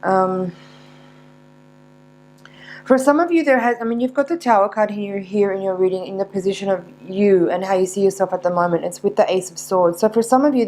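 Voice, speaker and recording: Woman, tarot reader, mid-range pitch, mystical horoscope reading, tentative and searching, halting phrasing. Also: darkish tone, poor audio.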